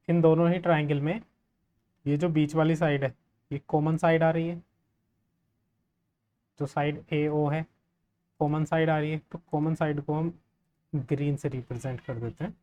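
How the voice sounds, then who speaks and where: A man's voice: on the high side, little pitch movement, warm tone. Male tutor, friendly and conversational, explains a proof step by step with frequent "right?" check-ins. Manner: friendly, asks the class quick checking questions. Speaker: maths teacher. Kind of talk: step-by-step geometry lesson.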